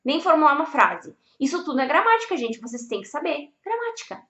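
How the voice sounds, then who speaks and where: A woman's voice: high voice, very animated, brisk, fairly bright tone, reverberant. Young woman, casual vlog lesson, blunt and swearing, slightly dull audio. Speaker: Spanish teacher.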